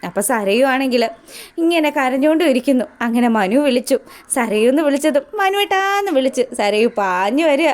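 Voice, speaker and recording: High-voiced chatty woman narrator. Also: fairly quick. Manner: chatty, animated retelling. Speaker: serial recap narrator. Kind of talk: casual storytelling recap.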